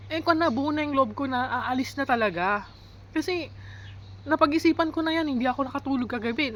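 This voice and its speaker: A young woman from the Philippines with a high voice records a confessional vlog about her work as a live-in caregiver. She speaks haltingly, with many pauses, in an emotional way. Faint ambient sound sits behind her voice. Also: fairly bright tone, slight background noise, low-quality recording. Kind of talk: confessional vlog, mixing Tagalog and English.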